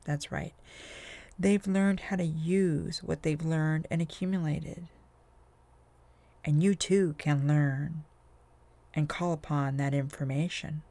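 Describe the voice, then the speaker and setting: A man with a gravelly, creaky edge to his voice leads a hypnosis session at a very unhurried pace. His phrasing is soothing and drawn out, and it often sinks into a soft, breathy whisper. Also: a little high, steady tone, no echo. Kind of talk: guided hypnosis script.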